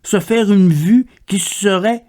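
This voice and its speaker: Slow, measured man reading poetry. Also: sits high, a little mellow. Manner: measured, deliberate recitation. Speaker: poetry reader.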